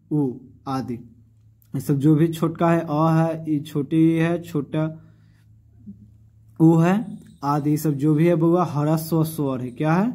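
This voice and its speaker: A man's voice: a little high, dark tone. A man teaching a casual class, who keeps asking his students questions and repeating points. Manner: addresses students affectionately, repeats and asks questions.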